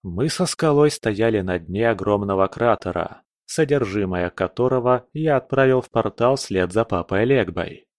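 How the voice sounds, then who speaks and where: A man narrating a fantasy audiobook in a measured, dramatic reading. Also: fairly low pitch, animated, no echo, studio quality.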